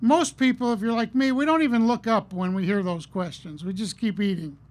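A middle-aged man giving a commencement address at a podium, earnest and measured, telling stories with pauses. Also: sits high. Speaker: commencement speaker. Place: outdoor stage at a podium. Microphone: podium mic on a stand.

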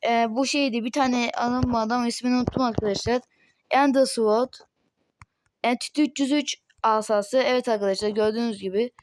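A woman's voice: fairly high pitch, fairly even intonation, a little fast, a little mellow, poor audio. A young woman from Turkey casually narrating a game mod showcase, rambling with constant fillers and addressing her viewers again and again. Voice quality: voice tone altered, may sound odd. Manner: rambling, says "arkadaşlar" constantly, many fillers. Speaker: gaming channel host.

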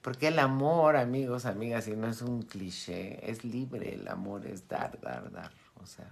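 A middle-aged woman giving an animated talk to her followers as a spiritual teacher, often acting out the voices she quotes and laughing. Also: extremely low pitch, a little slow, creaky. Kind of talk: live-streamed talk to followers.

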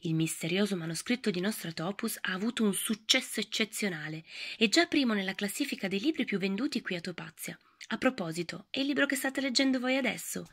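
A woman reads a children's story aloud with gravelly, husky warmth, and much of the telling slips into a hushed whisper. Her pitch sits in an ordinary middle range. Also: a little fast, hardly any pauses. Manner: lively storytelling, often dropping to a whisper. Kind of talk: reading a children's book aloud.

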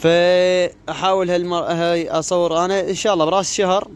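A pigeon keeper and YouTuber talks fast in a high, level, clear, and resonant voice with an Iraqi Arabic accent. His casual phone vlog, recorded on a handheld phone outdoors in a caged pigeon yard, rambles along on repeated filler phrases while birds coo over faint background noise.

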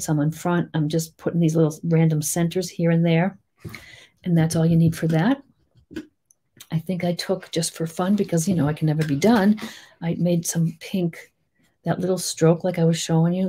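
A woman with a Boston accent giving a chatty, rambling step-by-step painting tutorial, full of gentle little asides. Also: lowish voice, husky. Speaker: painting teacher.

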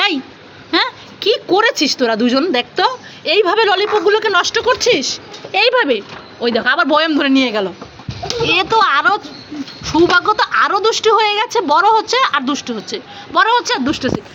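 Very high-voiced woman teasing kids outdoors. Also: lively intonation, fast talker, pushed and bright, muffled recording. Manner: chatty, teasing and scolding children. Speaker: vlogger filming her children. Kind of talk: casual family vlog chat. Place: outdoors by a street. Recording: noisy street with crowd.

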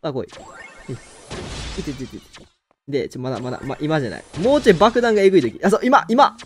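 A man with a Kansai accent giving excitable live commentary on his own game, exclaiming and laughing often. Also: a little high, quick pace, slight background noise. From Kansai, Japan. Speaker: game streamer.

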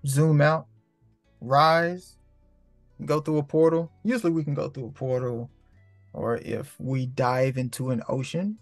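Profane, gravelly spiritual podcast host. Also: male voice, medium pitch, no echo. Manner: profane, street slang, rambling. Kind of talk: casual spiritual talk.

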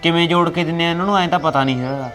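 Older rural Punjabi father played by a man, fatherly, unhurried, faint music under. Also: a little high, fairly bright tone, lightly acted. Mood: weary. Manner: slow, fatherly advising. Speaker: father of a grown son. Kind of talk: family web drama acting.

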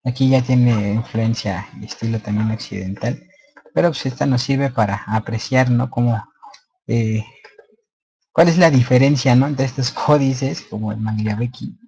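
A man's voice: medium pitch, normal speed, a little mellow, highs cut off. A man presenting a slide lecture in casual unscripted speech, hesitant with many fillers and restarts.

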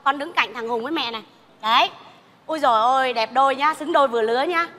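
A woman's voice: sits high, fast, a bit bright. A woman playing a bossy, snobbish mother-in-law in a stage comedy sketch, mocking and scolding. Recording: live stage mic, reverberant theatre with audience.

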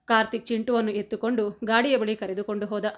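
A woman reading a family story aloud as scripted narration, in a steady, even voice. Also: fairly high pitch, fast talker.

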